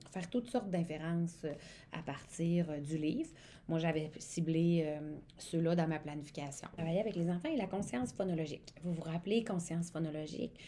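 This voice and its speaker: A woman's voice: deep voice, mellow, a little hiss or hum. A woman, an educational support worker giving a demonstration lesson on reading aloud to young children, stretching words as if speaking to them.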